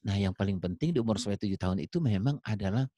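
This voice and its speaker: A middle-aged man gives a parenting talk in a low, warm voice with a slight huskiness. He speaks straight to the listening parents and acts out short everyday dialogues along the way. The sound is close and dry. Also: racing, dry recording. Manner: lively storyteller, acts out dialogue in raised voices; addresses listeners directly as ayah and bunda.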